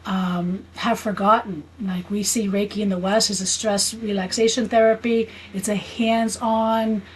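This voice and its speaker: She is an American woman in her fifties, a spiritual healer and teacher, appearing as a guest in a conversational interview. Earnest explanations and frequent checks for agreement come at a measured pace in a medium-pitched, fairly flat voice, over a rough recording with a little hiss or hum.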